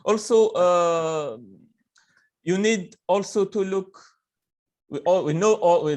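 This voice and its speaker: Earnest young man from Algeria. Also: a little high. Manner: earnest, many fillers and restarts. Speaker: webinar speaker. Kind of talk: motivational talk on a video call.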